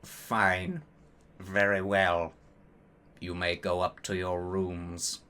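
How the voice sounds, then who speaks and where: A man's voice: low-pitched, flat delivery, extremely slow, sharp tone, smooth, heavily acted. A man voicing a stern, cold male professor who speaks in clipped, disdainful phrases.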